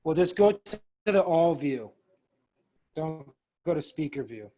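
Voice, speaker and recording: A man's voice: fairly high pitch, expressive, a little slow, dark tone. A man talking casually on a group video call, rambling and restarting his sentences, his audio choppy and cutting out.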